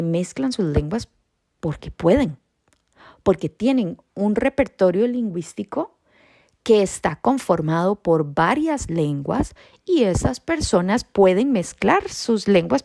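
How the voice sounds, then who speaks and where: A Costa Rican woman with a Costa Rican Spanish accent hosts an informal educational podcast on bilingualism, sounding reassuring and often asking a rising "¿sí?". Her medium-pitched voice is gravelly and a little mellow, recorded dry.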